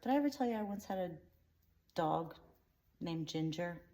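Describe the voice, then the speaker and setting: A woman's voice: on the low side, lively intonation, normal speed, dark tone. A woman delivering a rambling comedic character monologue, drifting between topics and trailing off with dismissive asides.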